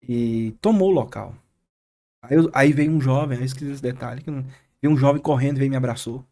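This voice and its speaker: Brazilian guy pastor on a podcast, earnest, stops and restarts a lot, mellow tone. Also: medium pitch. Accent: Brazilian Portuguese. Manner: earnest, emotional retelling with halting restarts. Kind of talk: podcast interview storytelling.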